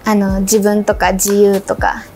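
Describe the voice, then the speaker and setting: A teenage girl, giving short, polite answers as a guest in a quick-fire interview. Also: medium pitch, flat delivery, a little mellow, faint music behind. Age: teens.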